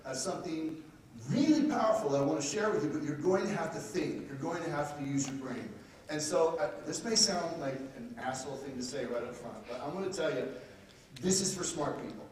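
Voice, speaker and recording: A man's voice: on the high side, lively intonation, fairly quick, darkish tone, a little hiss or hum. A man giving a live seminar talk to an audience, brash and joking with a salesy push. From Texas. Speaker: speaker. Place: conference room with audience. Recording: roomy, distant live hall sound.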